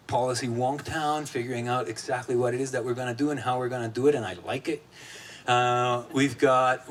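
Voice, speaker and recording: A man from Guatemala gives an opening keynote at a conference, speaking with an easy, conversational delivery. His voice sits at a middling pitch, and he talks with plenty of ums and restarts. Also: fairly bright tone. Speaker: executive director of an advocacy group. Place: conference stage.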